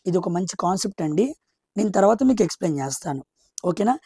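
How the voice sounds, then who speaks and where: A woman teaching chemistry. She asks her own questions, answers them herself, counts aloud and slowly repeats key terms. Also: medium pitch, animated, mellow, slightly rough, dry recording, studio quality. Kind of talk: explaining chemistry, drawing on a board.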